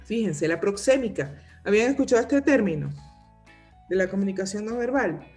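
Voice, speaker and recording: A woman's voice: medium pitch, animated, moderate pace, a little mellow, soft background music. A woman trainer giving an informal lecture on leadership communication, explaining points and checking in with the audience with frequent questions.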